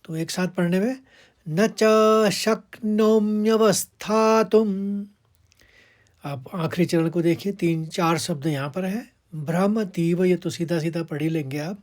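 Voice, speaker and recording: A woman teaching how to recite a Sanskrit verse, chanting each line slowly and then explaining it step by step in quick asides. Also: deep voice, steady tone, a little mellow. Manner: patient, step-by-step instruction.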